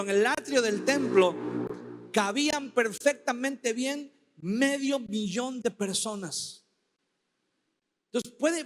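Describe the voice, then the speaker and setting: Pastor, man, very high voice, unhurried emphatic sermon delivery, long hall reverb. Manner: slow, emphatic preaching with dramatic quoted cries. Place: church sanctuary.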